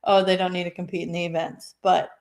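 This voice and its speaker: A woman's voice: on the low side, level tone, fast, a little mellow. A woman hosting a casual interview, chiming in and laughing along. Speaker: host.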